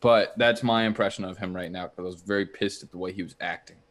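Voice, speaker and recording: A young man with a fairly low voice chats on a podcast. He spins a long, mock-boastful story about himself with a straight face. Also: steady tone, fast. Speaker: podcast co-host. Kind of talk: casual podcast chat.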